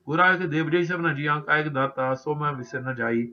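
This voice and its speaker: A man with a Punjabi accent reciting Sikh scripture in a steady chant, pausing to instruct the congregation earnestly. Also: a little high, slight background noise. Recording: dull lo-fi recording.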